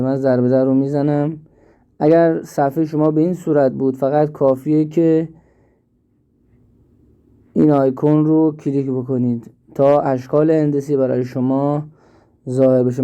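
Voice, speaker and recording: A man teaching an app step by step, slowly and with repeats, in a screen-recorded tutorial. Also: mid-range voice, smooth, phone-quality sound. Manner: slow step-by-step explaining, repeats himself. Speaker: instructor.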